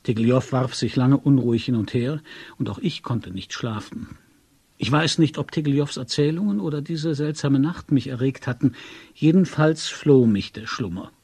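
A man narrating a story in the first person, in a measured storytelling manner. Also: medium pitch, vocal fry, warm tone, breathy edge, no room sound. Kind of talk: audiobook narration.

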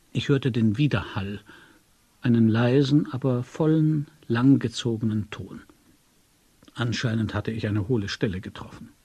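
Man, audiobook narrator, measured storytelling, husky voice, dry sound. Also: medium pitch, darkish tone, no echo. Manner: measured first-person storytelling.

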